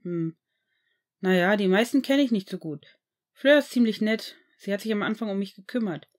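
A shy teenage boy wizard, read by a woman in a fan-made audiobook. He speaks in a hesitant, halting way and sounds a little embarrassed. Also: medium pitch, darkish tone, natural voice.

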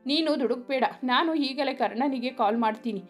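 A woman's voice: high-pitched, normal speed, soft background music. A woman voicing a frightened young woman in a storybook reading, speaking in an anxious, pleading way.

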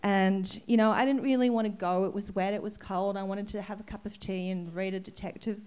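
A woman yoga teacher telling a personal story to a gathering at an ashram, candid and emotional, with soft laughs. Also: mid-range voice, steady tone, a little fast, smooth. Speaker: yoga teacher giving a satsang talk. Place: ashram hall.

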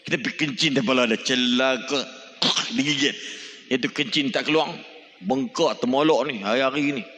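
A middle-aged man with a Malaysian accent, giving a lively mosque sermon and questioning the audience as he tells stories. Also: mid-range voice, normal speed. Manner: lively storytelling, animated exclamations, asks the audience questions. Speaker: preacher. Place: mosque hall. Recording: long reverb of a large hall.

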